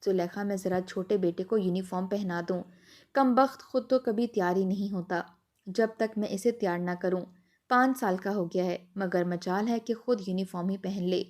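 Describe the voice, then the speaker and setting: A woman's voice: mid-range voice, lightly acted. A woman voicing a bossy, scolding sister-in-law in a storybook narration. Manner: sharp, scolding.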